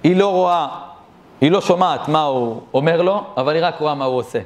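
Animated storytelling rabbi, raised voice. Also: male voice, a little high. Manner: animated, addresses listeners directly. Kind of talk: storytelling sermon.

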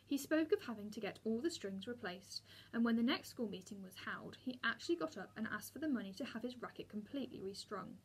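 A woman, a teacher, reading a children's book aloud with steady narration and small slips. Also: a little high, fairly quick, few pauses, husky.

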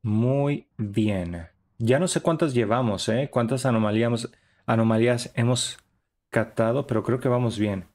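During a live stream of a horror game, a young man delivers chatty, upbeat running commentary. His mid-range voice is darkish in tone and a little slow.

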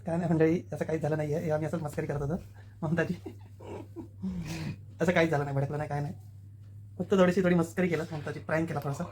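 A man in a casual home chat, grumbling in a low-key, mock-annoyed way. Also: level tone, fast talker, darkish tone, slight background noise. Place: home indoors.

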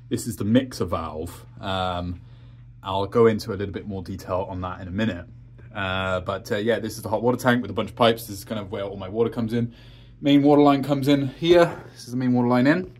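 A man with a fairly low voice gives a casual vlog tour of his heating setup. He rambles in a practical way, full of ums and uhs. He talks from a cramped crawl space and utility room. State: out of breath after crawling. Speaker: homeowner showing his heating system.

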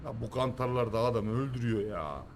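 A man's voice: medium pitch, fairly quick. Hot-tempered man ranting over truck game. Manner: hot-tempered, swears at traffic then talks himself calm. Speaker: gaming channel host. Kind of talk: truck simulator role-play commentary.

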